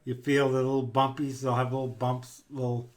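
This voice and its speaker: A man's voice: mid-range voice, level tone, normal speed. A man who breeds rabbits, giving a rambling, plainspoken how-to talk with a folksy manner.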